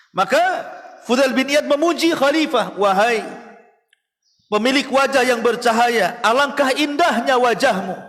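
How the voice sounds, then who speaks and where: A male preacher telling a story in a sermon and acting out its voices. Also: very high-pitched. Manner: animated, acts out voices of the story. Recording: long reverb of a hall.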